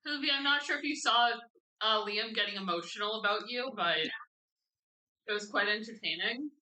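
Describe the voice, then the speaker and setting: A woman's voice: medium pitch, normal speed, bright, forceful tone, roomy sound, poor audio. A woman co-hosting a casual livestream, playful and teasing with her co-host. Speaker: streamer co-host.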